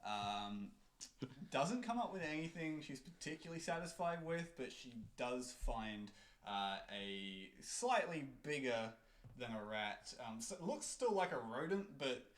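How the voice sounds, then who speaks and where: A man runs a tabletop game, narrating at a slow, unhurried pace full of ums and pauses. He keeps his voice at an ordinary middle pitch. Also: big pitch swings. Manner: slow, halting narration with many ums and frequent laughter. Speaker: game master.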